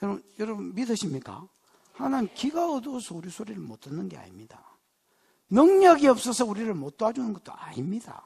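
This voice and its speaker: Animated Gyeongsang pastor preaching. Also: male voice, high voice, a little fast, gravelly, breathy edge. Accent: Gyeongsang Korean dialect. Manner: animated, joking storyteller who teases the congregation. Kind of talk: sermon with personal stories. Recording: long church hall reverb.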